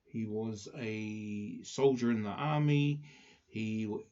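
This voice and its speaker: A man with a Māori New Zealand accent hosting a casual live chat, speaking haltingly with many pauses. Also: fairly low pitch, darkish tone. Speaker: livestream host presenting a community project. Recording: dull lo-fi livestream audio.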